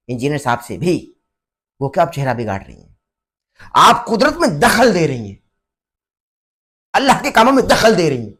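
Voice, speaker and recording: A man speaking to camera in a preachy, repetitive way, issuing a challenge and urging someone to repent. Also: medium pitch. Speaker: online religious commentator and vlogger. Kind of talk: direct-to-camera challenge vlog.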